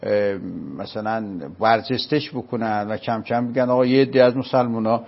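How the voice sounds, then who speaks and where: A man from Isfahan with an Isfahani accent, explaining a religious topic step by step and often asking whether it is clear. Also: mid-range voice, little pitch movement, lo-fi sound. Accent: Isfahani Persian. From Isfahan, Iran. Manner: patient, explaining step by step with checking questions. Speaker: religious scholar. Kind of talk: explanatory lecture in conversation.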